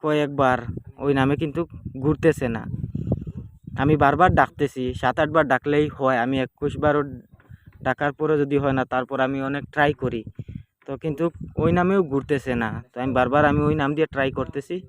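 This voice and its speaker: A man talks viewers through a folk ritual step by step, repeating himself as he goes. His voice sits at an ordinary middle pitch. A steady hiss of background noise runs under the whole home video. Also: brisk. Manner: repetitive, plain explaining, addresses viewers directly. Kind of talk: casual spoken demonstration. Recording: clearly noisy home video.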